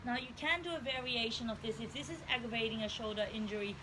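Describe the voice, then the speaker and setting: A woman's voice: fairly high pitch, fast talker, background noise. A woman instructing a guided stretching workout, explaining each movement step by step.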